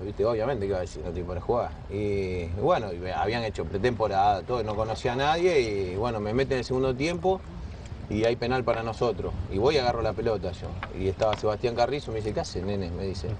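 A man's voice: fairly low pitch, fast talker, recorded from a distance, slight background noise. A Rosario man, recorded from afar. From Rosario, Argentina. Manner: relaxed, quotes others with bursts of laughter. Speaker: former footballer telling an anecdote. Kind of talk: casual anecdote telling.

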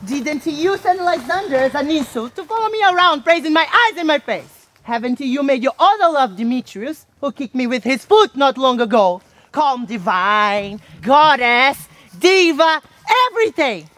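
A woman's voice: sits high, expressive, a bit bright. An actress playing Helena, a tall, jealous young woman who pleads and reproaches in outdoor stage acting. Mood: accusing. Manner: pleading, reproachful, quick to take offence. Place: outdoor landscape performance.

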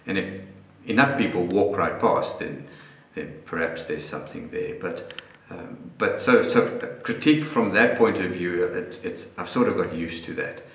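A man's voice: low voice, moderate pace, fairly bright tone. A middle-aged man, a guest photographer speaking reflectively in a live panel discussion and often restarting his phrases. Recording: roomy echo.

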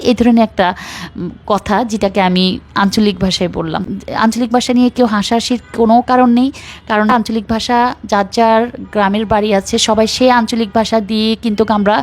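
A woman chatting casually as she narrates her cooking, rambling and leaning on repeated filler words. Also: mid-range voice. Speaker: cooking vlogger.

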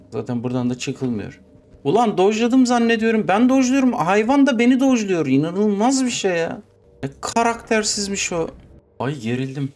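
A man's voice: high-pitched, darkish tone. A young man with a Turkish accent, commenting as he plays a horror game, jumpy and swearing, talking to himself and the game. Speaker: gaming YouTuber.

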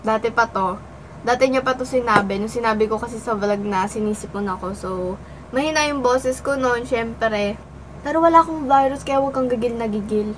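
Young female vlogger, slightly high, stuffy cold, teasing and casual; faint background hiss. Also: a little fast. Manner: playful, teasing comebacks; eating while talking. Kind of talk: casual vlog reacting to comments.

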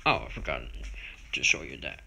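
Filming on a handheld phone or camera as he moves through the rooms of a house, a man gives an improvised casual tour, speaking hesitantly and unsure of himself. He has a bass voice that is gravelly, bright and forceful, with a sing-song lilt and a slightly fast pace. The home video is noisy, with clicks.

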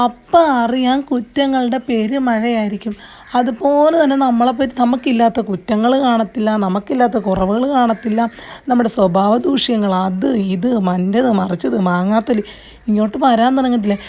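Speaking straight to the camera, a woman vlogger offers earnest, consoling advice in a direct monologue. Her voice is on the high side with a dark tone, and she often repeats herself and restarts.

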